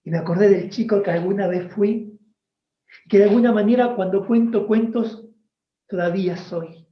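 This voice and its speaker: Argentine storyteller guy, slow dramatic pauses, kinda muffled echoey hall sound. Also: high voice. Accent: Argentine Spanish. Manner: deliberate, dramatic pauses and emphasis. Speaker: oral storyteller. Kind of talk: told story at a public talk.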